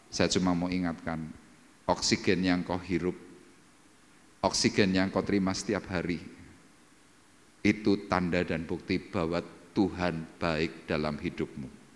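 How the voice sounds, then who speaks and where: A male pastor with an Indonesian Central Javanese accent preaches a sermon, swinging from loud, high calls to low, quiet asides and putting questions to the congregation. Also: fairly even intonation, unhurried, long pauses. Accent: Indonesian, Central Java. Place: church hall. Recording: long reverb of a church hall.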